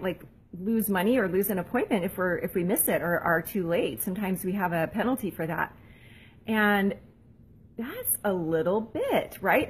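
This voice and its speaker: A woman in her forties giving a casual motivational talk as a mentor, chatty and self-deprecating, often jumping up into high pitch to act out what people say. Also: a little hiss or hum. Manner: animated, acting out quoted voices in a much higher pitch. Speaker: mentor and blogger.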